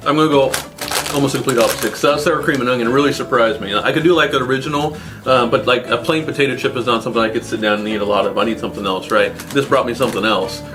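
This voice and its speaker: A man's voice: mid-range voice, racing. Man hosting over guitar music. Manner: conversational, asking his co-host questions. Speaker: host of a snack review show. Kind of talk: casual chat, food review.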